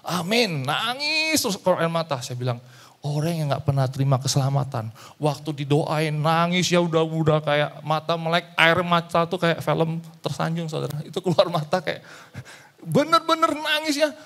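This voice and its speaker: A man's voice: on the high side, expressive, normal speed, bright, forceful tone. A male pastor telling a story in a sermon, acting out the dialogue and slipping into English phrases.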